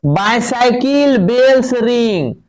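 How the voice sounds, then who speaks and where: A man with an extremely high, slightly mellow voice and lively intonation teaches a class, explaining an English textbook passage in Hindi. He reads the English phrases slowly, explains them quickly, and checks in with his students.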